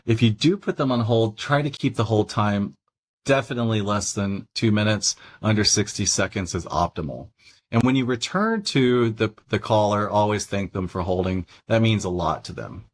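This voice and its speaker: A middle-aged man coaching front desk staff in a loose, chatty way, his voice sitting a little low. He drifts into offhand asides as he explains. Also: normal speed. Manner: conversational and relaxed, frequent "you know" asides. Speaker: phone trainer. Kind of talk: casual training talk.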